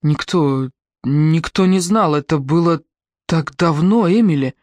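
A reader voicing a desperate young man who shouts and pleads, pushy and raw. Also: medium pitch, lively intonation, brisk, dry recording, close to an everyday voice.

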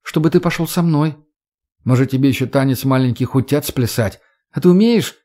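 A man's voice: medium pitch, brisk, dark tone, natural voice. Anfisa, a man voicing a mocking young woman. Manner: teasing, brash, swearing.

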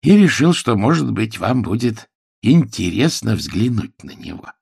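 A man voicing a shy, earnest man who is proud of his gun, speaking slowly and deliberately. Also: fairly low pitch, very animated, darkish tone, no room sound, clean studio sound, exaggerated voice. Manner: slow, deliberate, gravelly.

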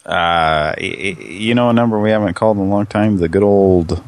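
A man's voice: deep voice, a little fast, no echo. A man co-hosting a prank call show in a casual, easygoing way, prodding the host along.

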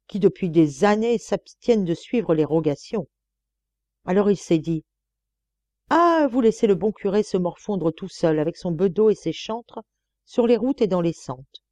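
A woman's voice: medium pitch, warm tone, no echo, close to an everyday voice. A woman reading an audiobook and voicing a pompous elderly village priest who preaches to children and stammers when alarmed.

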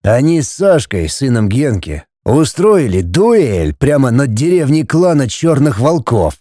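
A man's voice: medium pitch, big pitch swings, mellow, no echo, clean studio sound. A man voicing a stern, weighty judge father. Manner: slow, weighty, lecturing. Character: stern middle-aged male judge and father. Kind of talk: audiobook character voice.

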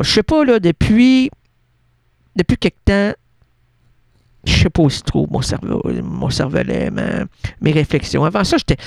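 A man's voice: creaky, no echo, studio quality. A man with a Québécois French accent, hosting a radio show and delivering a rambling, absurd comic monologue full of wordplay. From Quebec. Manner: rambling, absurd wordplay, playful with sudden pitch jumps. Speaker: radio host.

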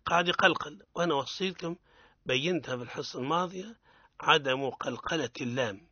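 A man with a Tunisian accent teaching Quran recitation on the radio, explaining rules and chanting verses slowly for learners to repeat. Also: on the high side, sharp tone, breathy edge, dry recording, highs cut off. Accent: Tunisian Arabic.

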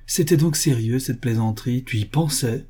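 A man's voice: medium pitch, normal speed, mellow, husky, close to an everyday voice. A man voicing an old family lawyer and guardian who talks in a blunt, scolding, fatherly way, proud of old nobility.

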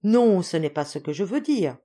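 Woman doing a polite thoughtful officer guy, calm and respectful. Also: lowish voice. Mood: amused. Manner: measured, respectful, earnest. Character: kind thoughtful male officer confidant.

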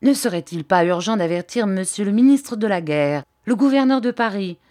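A woman's voice: medium pitch, animated, normal speed, warm tone, natural voice. A woman reading the part of a blustering male police prefect, giving urgent orders in raised, emphatic exclamations.

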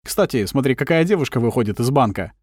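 A man's voice: medium pitch, animated, fast talker, darkish tone, husky, dry recording. A man voicing a confident, wry adult male agent who teases his partner in a dry way. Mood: confident teasing. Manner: dry teasing, self-assured.

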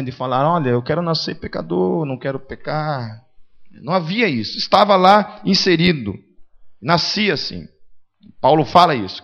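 Preacher, male, fairly high voice, loud emphatic bursts and quiet asides, chatty, dull low-fi recording. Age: adult with a young son. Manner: conversational with frequent "né?" tags. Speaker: pastor. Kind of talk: lively church sermon. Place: church meeting.

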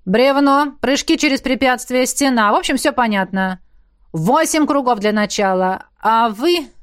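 A woman voicing a gruff, burly male academy coach who barks orders at his students. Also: fairly high pitch, unhurried, dry recording, studio quality, lightly acted. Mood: ordering. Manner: barking commands, shouting. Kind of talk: audiobook character voice.

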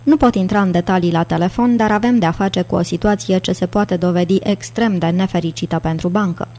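A troubled male bank president who speaks with urgency and tension, as a woman reads him in an audiobook. the voice sits somewhat low. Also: warm tone, lightly acted. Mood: urgent. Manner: urgent, tense.

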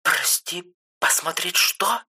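A man voicing a chatty, pushy younger sister who teases her brother, raising his voice high for her in an audiobook. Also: normal speed, husky, exaggerated voice. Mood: excited. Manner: chatty, excitable, teasing.

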